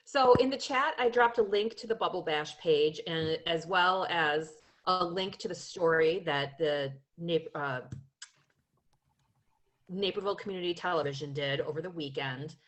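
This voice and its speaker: A woman's voice: lowish voice, normal speed, fairly bright tone. A woman from museum staff, talking casually on a video call, her audio choppy and cutting out as she explains things. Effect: choppy audio that keeps cutting out.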